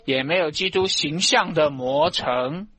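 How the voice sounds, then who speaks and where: Man preaching slow and fervent, kinda high voice, punches his words hard. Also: husky, dry recording. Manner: fervent, emphatic, rising to loud shouts of praise. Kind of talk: sermon.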